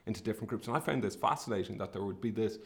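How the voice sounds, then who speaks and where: Low, creaky west of Ireland man. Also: very fast. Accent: west of Ireland, Sligo. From Sligo, northwest of Ireland. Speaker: academic researcher and podcast host. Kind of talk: casual conversational career storytelling.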